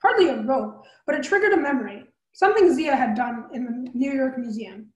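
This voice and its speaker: A woman reading a fantasy novel aloud as a storyteller, brisk, with small slips and restarts. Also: sits high, expressive, roomy sound, highs cut off.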